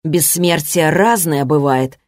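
A woman doing a hoarse, grave ancient boy. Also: low voice, slow pace, dry recording, clean studio sound. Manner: grave, oddly grown-up, sullen. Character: weak, hoarse ancient boy in a child's body.

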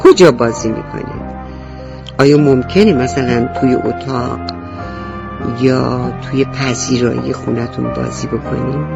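A man narrating a children's story, animated and speaking directly to young listeners. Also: medium pitch, creaky, lo-fi sound.

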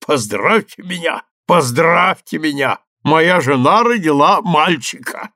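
A man doing a hoarse, jolly fat German. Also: on the high side, very animated, unhurried, a bit bright, no echo, clean studio sound, voice pushed up, exaggerated voice. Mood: jovial. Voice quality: hoarse, bubbling with joy. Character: fat jovial German print-shop owner, middle-aged.

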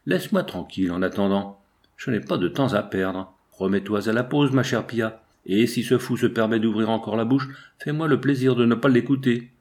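A man's voice: medium pitch, normal speed, a little mellow, lightly acted. A man reading a stern, busy male painter who scolds firmly. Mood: impatient. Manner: firm and scolding.

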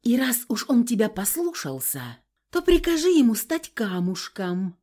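A woman's voice: a little high, big pitch swings, unhurried, dark tone, voice pushed up. A woman voicing a bossy, touchy female demigoddess in an audiobook, who coaxes and then snaps. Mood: snappish. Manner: coaxing, then snappish.

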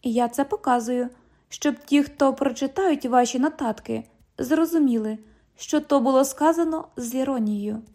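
A woman's voice: high-pitched, moderate pace, mellow. A woman reading an audiobook, voicing a sarcastic, mocking twenty-year-old woman who works as a bank cashier. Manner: mocking, cheeky, parrots the other speaker.

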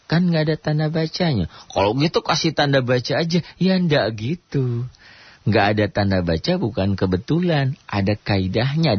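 A man teaching Quran recitation rules on a radio programme, asking himself questions and answering them, and chanting verses slowly to show the rules. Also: lowish voice, slightly rough, dry recording. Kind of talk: radio tajwid lesson. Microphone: studio radio mic. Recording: dull dry radio broadcast.

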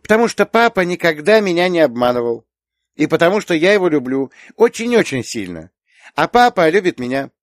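A man's voice: sing-song, a little fast, dry recording, clean studio sound. A man reading an audiobook, voicing a cheerful, chatty little girl who keeps asking questions. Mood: eager. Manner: eager, questioning, high childlike voice. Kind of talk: audiobook character voice.

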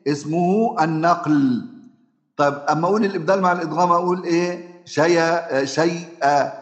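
Egyptian male teacher, slightly high voice, chatty explanatory lesson, roomy echo. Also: highs cut off. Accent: Egyptian Arabic. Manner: conversational teaching, often asks the listener questions, many drawn-out fillers. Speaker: Quran recitation teacher. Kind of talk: Egyptian Arabic lesson explaining recitation rules.

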